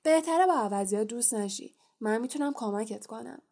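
A woman's voice: on the high side, expressive, darkish tone. A woman voicing a haughty, sneering pale schoolboy wizard in an audiobook reading, with a taunting manner.

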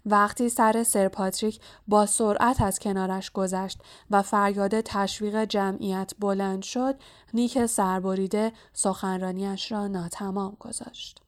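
A woman narrating an audiobook in a measured, even storytelling voice. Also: mid-range voice.

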